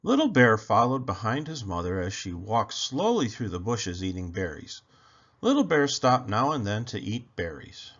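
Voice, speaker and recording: A man reading a children's story aloud in an expressive, deliberate storytelling manner. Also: on the low side, muffled recording. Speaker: children's book reader. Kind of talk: scripted storybook narration, read aloud.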